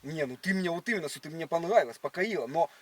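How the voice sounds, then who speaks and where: A man's voice: fairly high pitch, fast. A man playing a naive, boastful, jealous village bumpkin on a date, with a slushy lisp and slangy, rambling talk. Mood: eager, probing. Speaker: prankster on a fake date. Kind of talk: casual improvised prank chat. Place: inside a car. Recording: steady background noise in a car.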